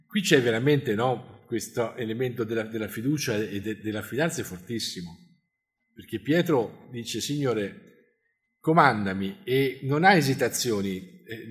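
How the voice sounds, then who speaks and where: Halting man giving a reflective sermon. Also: medium pitch. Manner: halting, restarts words, tag questions. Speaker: preacher. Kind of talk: reflective sermon with scripture reading.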